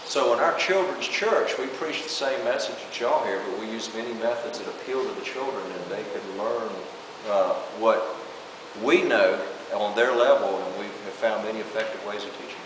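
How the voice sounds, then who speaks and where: A low-voiced man interprets a church talk into English, hesitating often with fillers as he translates. He is heard from a distance in a large, echoey church hall with long reverb. A clear hiss runs underneath. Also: normal speed.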